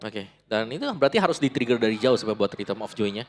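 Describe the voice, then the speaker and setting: A man's voice: fairly low pitch, quick pace. An Indonesian man giving live commentary and analysis as an esports caster. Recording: music behind the voice. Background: music.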